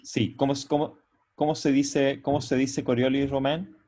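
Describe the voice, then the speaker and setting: With a flat delivery and a darkish, medium-pitched voice, a man teaches an online university lecture from his computer microphone on a video call. He proceeds step by step, keeps stopping to confirm students follow, and halts and restarts his sentences as he thinks.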